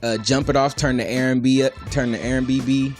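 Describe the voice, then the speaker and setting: A man co-hosting a casual hip hop talk show, speaking in a loud, brash, opinionated way. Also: medium pitch, fairly even intonation, brisk, soft background music. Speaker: co-host.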